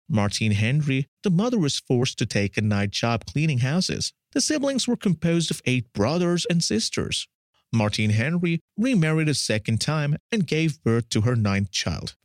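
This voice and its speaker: A man giving scripted true-crime narration in a solemn, measured way. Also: on the high side, dry recording, studio quality.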